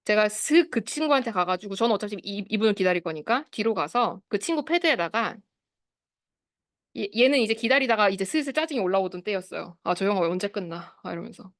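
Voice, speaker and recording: Speaking briskly and expressively in a mid-range voice, this speech therapist in her thirties runs a study group through an online lecture for parents and teachers. She explains, puts questions to the audience, and performs the phrases she quotes. The sound is dry and studio-clean.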